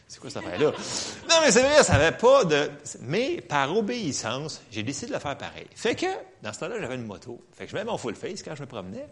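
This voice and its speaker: In church, a preacher with a Quebec French accent laughs his way through a lively, story-driven personal testimony. He speaks at a medium pitch.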